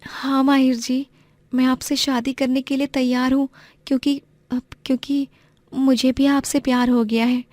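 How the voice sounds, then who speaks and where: A shy, humble young bangle seller, as a woman puts her on in a cartoon. She sounds soft and hesitant, pitched a little above the narrating voice, in a dry, close recording. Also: little pitch movement, normal speed, dry recording, close to an everyday voice. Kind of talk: Hindi cartoon voice acting.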